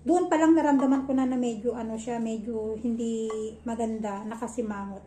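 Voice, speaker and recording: A woman's voice: fairly high pitch, a little fast. A woman vlogger animatedly retelling a family quarrel in casual storytelling, recorded in a roomy room at home with faint noise. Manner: animated, gossipy retelling with quoted dialogue.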